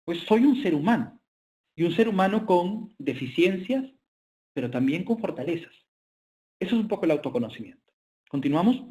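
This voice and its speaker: Male lecturer with a slightly high voice, halting delivery full of filler sounds, presenting slides online. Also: expressive, mellow. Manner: hesitant, frequent filler sounds.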